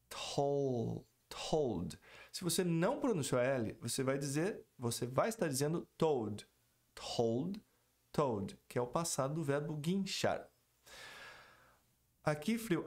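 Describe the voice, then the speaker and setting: A man teaching an English pronunciation lesson, drawing out and repeating example words. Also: on the high side. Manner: slow, drawn-out example words, repeated several times.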